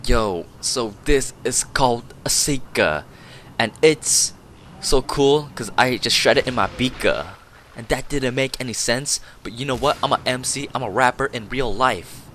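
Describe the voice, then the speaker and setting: A young man giving jokey, rambling commentary over a shooter game, breaking into excited yelps and laughter. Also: mid-range voice, unhurried, slight background noise. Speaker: gameplay commentator. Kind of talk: goofy live gameplay commentary.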